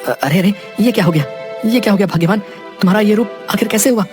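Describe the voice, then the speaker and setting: An actor voicing a simple, scheming village husband in a cartoon, who talks to himself with chuckles and drawn-out exclamations. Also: medium pitch, darkish tone, soft background music, natural voice. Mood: alarmed.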